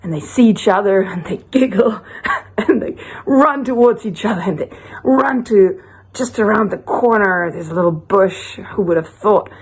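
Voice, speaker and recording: A woman telling a rambling, animated joke story with many restarts. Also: medium pitch, normal speed, breathy edge.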